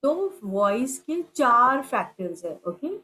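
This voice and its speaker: A middle-aged woman giving a gentle spiritual talk as a meditation teacher, slow and teacherly, full of everyday examples. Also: a little high, sing-song, slight background noise, poor audio. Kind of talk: spiritual talk mixing Hindi and English.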